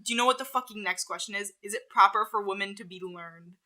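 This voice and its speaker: A young woman co-hosting a podcast, chatting casually, loud and laughing with frequent swearing. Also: mid-range voice, noisy background. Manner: loud, laughing, swearing, reads old text haltingly. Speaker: podcast co-host. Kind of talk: casual chat.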